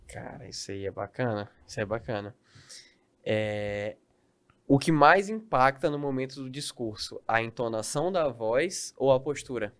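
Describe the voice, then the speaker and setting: A man's voice: medium pitch, animated, normal speed, fairly bright tone. A man hosting a podcast, asking questions and giving short approving remarks. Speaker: podcast host. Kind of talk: interview questions.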